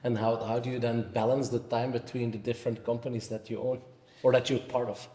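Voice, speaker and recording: A man's voice: mid-range voice, level tone, fairly quick, warm tone. A Belgian man hosting a conference interview, asking questions in a friendly, chatty way. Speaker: interviewer, host. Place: conference venue, echoey hall. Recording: echoey conference hall.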